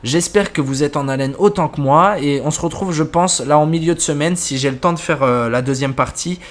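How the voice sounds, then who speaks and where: A man's voice: a little high, fairly quick. Man musing casually after a story. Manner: hesitant, many fillers, thinking aloud. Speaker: horror story channel host. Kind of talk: casual wrap-up commentary.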